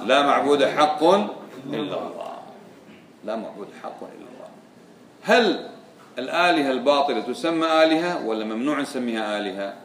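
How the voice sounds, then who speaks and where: A man's voice: mid-range voice, slight background noise. A man giving a religious lesson, quizzing his students with repeated questions. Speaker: religious teacher. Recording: echoey room, voice from far off.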